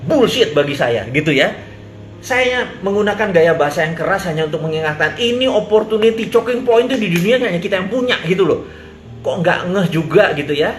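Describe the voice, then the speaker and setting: A middle-aged man with an East Javanese Indonesian accent, giving a casual live-stream monologue. He talks bluntly, swears, mixes in slang and English words, and acts out quoted speech with big shifts in pitch. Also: a bit bright. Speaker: businessman giving an Instagram live talk. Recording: echoey room with faint ambient noise.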